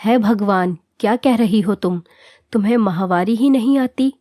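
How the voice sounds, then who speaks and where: A woman's voice: mid-range voice, moderate pace, dark tone, no echo, clean studio sound, natural voice. A woman voicing a stern, traditional middle-aged mother-in-law who scolds and commands, in storybook narration. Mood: shocked anger.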